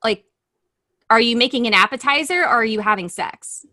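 A woman with a bright, forceful voice co-hosts a casual podcast. She reads out list items and reacts bluntly, swearing freely and laughing. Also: a little high, normal speed, no echo, clean studio sound. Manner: blunt and profane, laughs often. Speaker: podcast co-host. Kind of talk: casual chat, reading out a list.

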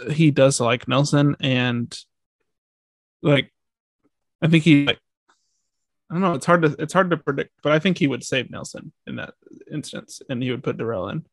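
A man's voice: a little high, normal speed, long pauses, dry recording. A young man co-hosting a casual podcast chat, hedging and restarting his thoughts with lots of "like". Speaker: podcast co-host.

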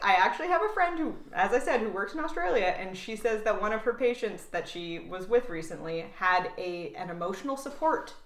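A woman's voice: mid-range voice, animated, brisk, hardly any pauses, fairly bright tone, echoey room, slight background noise. A woman co-hosting a podcast, chatting casually and laughing often. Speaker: podcast co-host. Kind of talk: casual chat.

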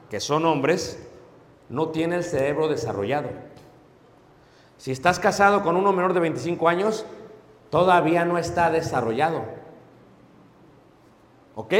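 A man preaching a sermon on marriage to a congregation, acting out husband and wife exchanges with lively voices and asking the audience to agree. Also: fairly high pitch. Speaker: pastor. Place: church hall. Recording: echoey hall with long reverb.

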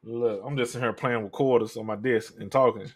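A man of thirty hosting a podcast, talking casually with brash, profane bluntness and breaking into loud laughter. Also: medium pitch, steady tone, brisk, breathy edge. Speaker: podcast host. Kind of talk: casual chat.

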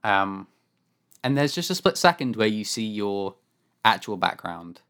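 A man's voice: on the low side, sing-song, unhurried, fairly bright tone, smooth. A man co-hosting a podcast from home, chatting casually about a game in a rambling, wry way, often correcting himself. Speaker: podcast co-host. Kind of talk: casual chat.

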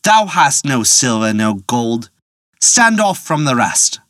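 A storyteller playing a boastful young man in a folk tale, exclaiming in a high, excited way. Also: takes it slowly, no echo, clean studio sound. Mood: commanding.

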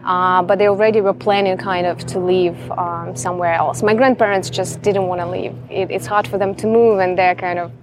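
A woman's voice: fairly low pitch, steady tone, normal speed, few pauses, background noise. Young woman telling her story. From Ukraine. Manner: chatty, fills with "like" often. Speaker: guest. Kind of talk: casual interview storytelling.

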